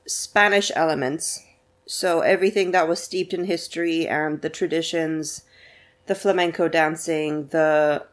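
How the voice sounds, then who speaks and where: A woman co-hosting a book podcast, chatting casually, laughing often, and reading a blurb aloud. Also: deep voice.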